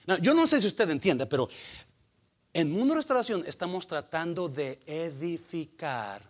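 Pastor guy preaching, high voice w some gravel, swoops up and down a lot. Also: normal speed. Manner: animated preaching, rhetorical questions, switches to English fillers. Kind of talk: sermon.

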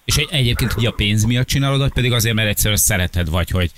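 A man's voice: lowish voice, very noisy. A man co-hosting a morning radio show, chatting eagerly and telling anecdotes. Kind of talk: casual morning show banter.

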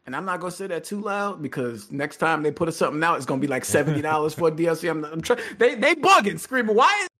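A man's voice: fairly high pitch, lively intonation, fast talker, hardly any pauses, a bit bright. A man co-hosting a gaming podcast, full of slang and playful trash talk aimed at his friends. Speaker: podcast co-host. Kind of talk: casual gaming podcast chat.

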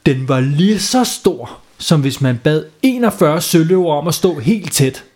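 Playful husky male storyteller. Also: a little high, expressive, a little mellow. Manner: playful, asks the children questions. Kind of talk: telling a bedtime story to children.

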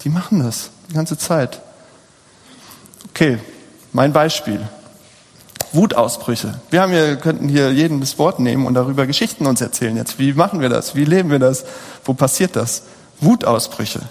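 Husky preacher man in a reverberant hall. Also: mid-range voice, moderate pace. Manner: conversational, asks the audience rhetorical questions. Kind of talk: sermon.

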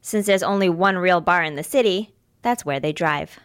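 Low-voiced woman narrating a drama. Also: moderate pace, clean tone.

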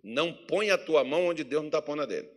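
A Brazilian man preaching a sermon with fervour, moving between loud calls to the congregation and quiet, close tones. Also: animated, quick pace. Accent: Brazilian Portuguese. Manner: fervent, swings from loud exhortation to low intimate tones.

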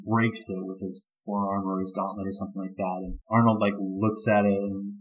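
A man's voice: fairly low pitch, level tone, fairly quick, husky, rough recording. A man hosting a casual podcast, talking enthusiastically about a film and laughing often. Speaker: podcast host.

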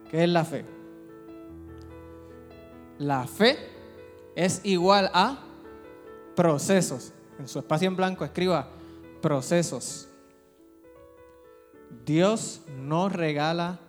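A man preaching a sermon, his voice sitting a little high for a man as he keeps pressing rhetorical questions on the congregation. The sound carries a long reverb from a large church hall. Soft instrumental music plays faintly underneath. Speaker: pastor.

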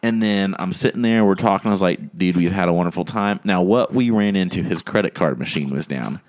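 Deep-voiced man telling a story. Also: fairly quick. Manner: animated storyteller, acts out quoted voices. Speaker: podcast host. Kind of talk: casual storytelling chat.

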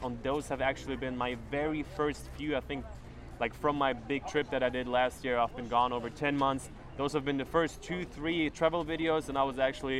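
A young man talks casually as an interview guest, relaxed and full of fillers. He is recorded outdoors in a city, and his voice sits at an ordinary middle pitch. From Germany. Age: 20s. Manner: relaxed and chatty, with many fillers.

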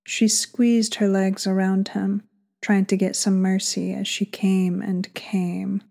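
A woman author reading her erotic story aloud slowly and sultrily, sometimes dropping into a breathy whisper. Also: medium pitch, little pitch movement, dark tone. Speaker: author and co-host.

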